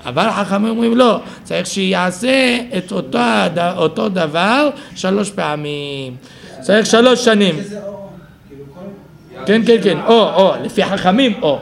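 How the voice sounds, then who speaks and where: A man's voice: high-pitched, animated, gravelly. A man teaching a Talmud study class, explaining the text aloud and thinking it through with self-corrections.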